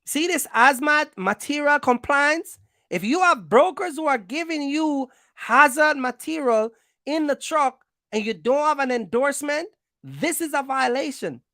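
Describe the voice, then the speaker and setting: Her high, animated voice is unhurried and a little bright, with no echo and studio-grade sound. As a trucking channel host, she advises viewers in an informal explainer, stressing points bluntly with slangy talk and repeated phrases.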